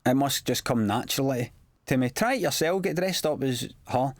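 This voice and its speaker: A man's voice: medium pitch, lively intonation, normal speed. A Scottish man rambling through a casual commentary track, chatty and self-mocking as he tells stories in local slang. His voice sits in an ordinary middle range. The sound is close and dry, with no room echo. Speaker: comedian giving DVD commentary.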